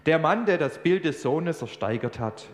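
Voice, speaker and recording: A man's voice: on the high side, expressive, moderate pace, voice pushed up, natural voice. A man voicing a stubborn male auctioneer who calls out bids emphatically. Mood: announcing. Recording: echoey hall, faint hum.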